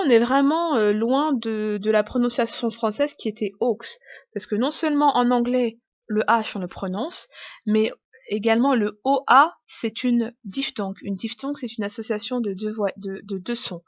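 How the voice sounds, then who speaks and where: A woman's voice: a little high, no echo, lo-fi sound. A woman giving an online English lesson, explaining step by step with frequent fillers and restarts. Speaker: English teacher.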